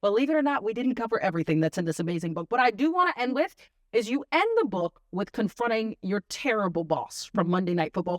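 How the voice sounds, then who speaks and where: A woman's voice: fairly high pitch, no room sound, studio quality. A woman hosting an interview, enthusiastic and encouraging toward her guest. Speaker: host. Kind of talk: casual interview.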